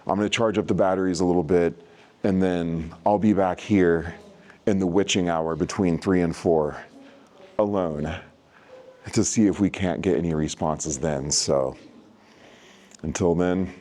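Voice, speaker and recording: A man hosting a night investigation vlog, talking to the camera and calling out with deliberate pauses. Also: low voice, steady tone, mellow. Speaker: vlog host, ghost investigator.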